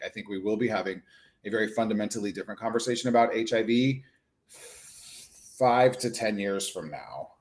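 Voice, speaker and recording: This is a man talking freely in a casual live-stream conversation. His voice sits at an ordinary middle pitch. He rambles in an animated way, and his sentences are full of quick asides. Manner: chatty, animated, lots of "like" asides. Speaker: HIV clinician and advocate.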